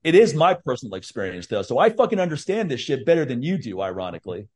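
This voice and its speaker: A man's voice: medium pitch, sing-song, quick pace, a little mellow, breathy edge. A man hosting a podcast, talking bluntly and heatedly with a lot of swearing. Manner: blunt, profane, heated storytelling. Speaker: podcast host. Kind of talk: casual podcast chat.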